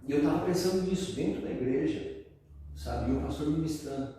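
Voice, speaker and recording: A man's voice: fairly high pitch, fairly quick, warm tone, a little hiss or hum. A man with a Brazilian Portuguese accent telling his personal testimony in a casual, slangy way, full of fillers. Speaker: testimony speaker. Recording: echoey hall from far off.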